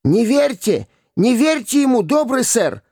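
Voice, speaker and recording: Man doing Hugo, a sly high-voiced beggar boy. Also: big pitch swings, unhurried, warm tone, no room sound, clean studio sound, exaggerated voice. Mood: whining plea. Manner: wheedling, jeering, pleading when begging. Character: sly mocking vagabond boy, cunning beggar.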